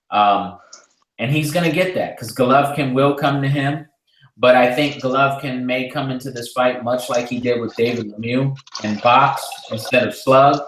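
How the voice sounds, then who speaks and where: Man, co-host of a boxing talk show, measured analysis, echoey room, mid pitch. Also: fairly bright tone. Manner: analytical, measured, with frequent fillers. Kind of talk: casual live-stream discussion.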